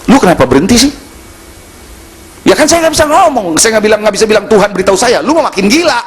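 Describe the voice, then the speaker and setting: Animated man preaching with slangy storytelling. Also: high voice, racing, husky. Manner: animated storytelling, switches into slangy Jakarta dialogue. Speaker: pastor. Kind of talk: sermon. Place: church service.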